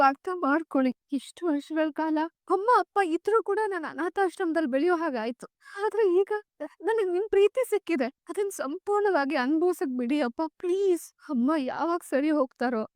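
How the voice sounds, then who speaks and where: A woman's voice: very high voice, a little mellow, dry recording, clean studio sound. An actress playing a young adult daughter who pleads emotionally with her father, in a TV serial. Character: young adult daughter, betrayed, clinging to her parents' love. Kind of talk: TV serial acting.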